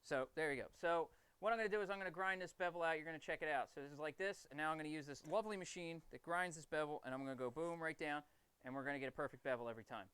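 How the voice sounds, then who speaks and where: A man's voice: a little high, very fast, fairly bright tone, clean tone. A man livestreaming from his basement forge, explaining knife grinding in an enthusiastic, rambling way. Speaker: streamer and knifemaker. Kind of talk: casual livestream talk while working.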